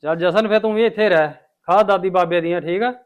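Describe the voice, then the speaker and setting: A man's voice: sits high, a little fast, smooth, muffled recording. A man playing an uncle and brother who lectures and reassures his family in a web drama. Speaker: brother and uncle giving advice.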